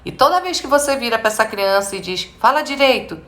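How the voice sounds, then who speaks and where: A woman's voice: a little high, very animated, quick pace, fairly bright tone. Emphatic Brazilian woman, speech therapist. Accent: Brazilian Portuguese. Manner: emphatic, addresses the audience directly with rhetorical questions. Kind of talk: live stream advice talk to parents.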